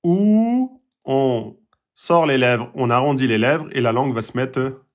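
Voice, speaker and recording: A man's voice: medium pitch, steady tone, moderate pace. A man teaching pronunciation in a patient lesson, repeating points, checking with his students and sounding out vowels himself. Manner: demonstrates vowel sounds aloud. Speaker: Quran recitation teacher. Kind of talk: slow, patient explanatory lesson.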